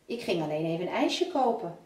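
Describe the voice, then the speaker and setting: An eager young girl, put on by a woman reading aloud, earnest and girlish in a read-aloud storybook. Her voice jumps around lively and sounds a little away from the mic, in a roomy space. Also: lowish voice, fairly quick. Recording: roomy, from a distance.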